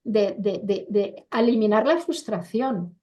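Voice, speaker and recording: Speaking slowly in a mellow, medium-pitched voice, a middle-aged woman appears as a coach and interview guest on a computer video call. The interview is casual and conversational, and she's emphatic, full of rhetorical questions, acting out quoted voices as she explains.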